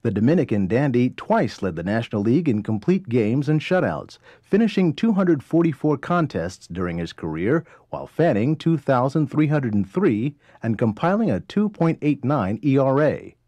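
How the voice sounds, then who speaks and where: Male archive narrator, dark, lively pitch, dry. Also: dry recording. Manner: formal, measured. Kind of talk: scripted documentary narration.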